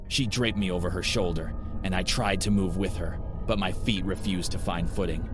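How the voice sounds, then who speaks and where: A man with a very low voice tells a scripted horror story in the first person, measured and somber throughout. Faint music plays beneath his narration.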